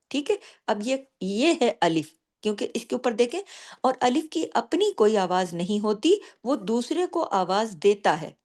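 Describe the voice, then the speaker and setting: A woman teaching tajweed, explaining the rules patiently and slowing down to recite each example, often checking in with her listeners. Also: medium pitch, a little mellow. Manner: checks in often with "theek hai?".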